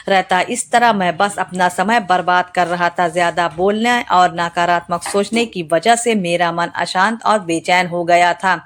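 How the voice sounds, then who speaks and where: A woman narrating a motivational story in a calm, even way, now and then restarting a word. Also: on the low side.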